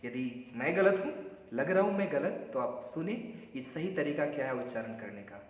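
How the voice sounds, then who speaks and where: A man's voice: medium pitch, lively intonation. Hindi-speaking male teacher in echoey room. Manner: repeats each word slowly, drilling pronunciation; mixes English words into Hindi explanation. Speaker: English pronunciation teacher. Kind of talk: classroom lesson at a board. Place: room with a board. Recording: echoey room with long reverb and faint background hiss.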